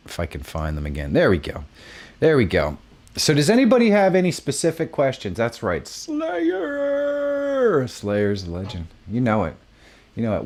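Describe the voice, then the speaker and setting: Animated low-voiced man hosting a live stream. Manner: animated, bursts of exclamations, reads chat aloud. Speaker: host of a live creator hangout. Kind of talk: casual live-stream chat with viewers.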